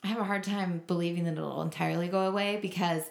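A woman co-hosting a podcast chats casually in a low-ish, gravelly voice, speaking quickly with fairly even intonation. The recording sounds roomy and echoing.

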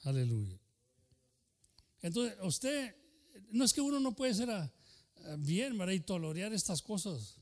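Fervent high-voiced bilingual pastor. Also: male voice, sing-song, measured pace, pauses often, darkish tone. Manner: switches between Spanish and English mid-sentence; fervent preaching punctuated by "aleluya" and "hermano". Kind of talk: sermon.

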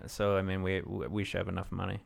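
Male, fry-laden lower register, informal comic talk that wanders and hesitates. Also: completely flat delivery, a little fast. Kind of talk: casual comic banter.

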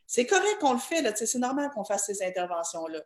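A woman's voice: a little high, big pitch swings, quick pace, echoey room. A woman with a Québécois accent, a host giving earnest advice to parents through rhetorical questions. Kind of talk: heartfelt advice talk to parents.

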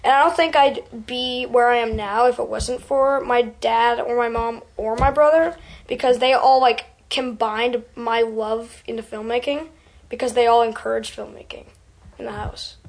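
A woman's voice: a little high, fairly even intonation, moderate pace. A young woman, an actor in a web series, chatting in an upbeat way with lots of fillers during an interview. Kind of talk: casual interview chat.

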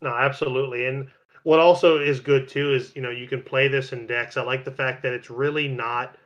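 Male podcast co-host, easygoing and rambling, bright tone. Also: medium pitch, a little fast, highs cut off. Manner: relaxed, rambling, many fillers and restarts. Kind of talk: casual card game podcast chat.

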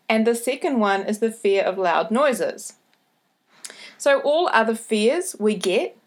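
Slow-talking Kiwi woman podcast host. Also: mid-range voice. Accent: broad New Zealand (Kiwi). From New Zealand. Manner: deliberately slowed, careful delivery with repeated key points. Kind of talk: solo podcast talk, motivational advice to listeners.

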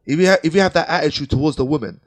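A man's voice: fairly high pitch, rapid-fire, no echo. A man giving casual advice as a podcast panelist.

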